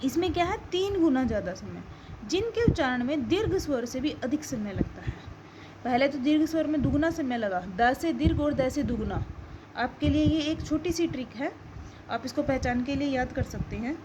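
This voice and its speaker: A woman's voice: high-pitched, animated, normal speed, background noise. A woman school teacher giving an online grammar lesson, explaining step by step and answering her own questions.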